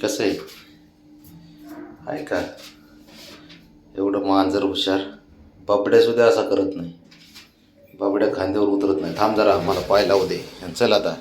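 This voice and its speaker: A man talking softly to his cat, coaxing it to come along, sometimes hushed. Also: low voice, steady tone, moderate pace, long pauses, roomy sound, slight background noise. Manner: coaxing, hushed at times, then calling out loudly. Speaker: pet owner vlogger. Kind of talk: casual talk to a cat while walking.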